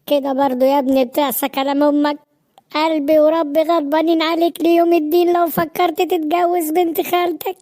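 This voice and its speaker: Lady doing a dramatic egyptian cartoon mom, high voice, nagging and guilt-tripping. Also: level tone, brisk, dark tone, lightly acted. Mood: scolding. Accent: Egyptian Arabic. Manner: melodramatic, nagging. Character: overbearing middle-aged mother, dramatic and tearful.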